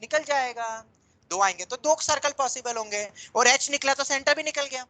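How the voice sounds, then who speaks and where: A male maths teacher lectures a class with a bright, forceful voice. He explains patiently, slipping English terms into Hindi and calling his students "beta". He speaks in a classroom with students present. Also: very high-pitched, fairly quick, low-quality recording.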